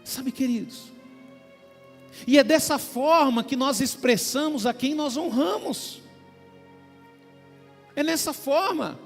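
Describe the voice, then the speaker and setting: Male pastor, sermon delivery, high voice, reverberant church hall with faint music beneath. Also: slow pace, gravelly, long pauses, fairly bright tone. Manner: preaching with small acted-out dialogues and frequent "queridos".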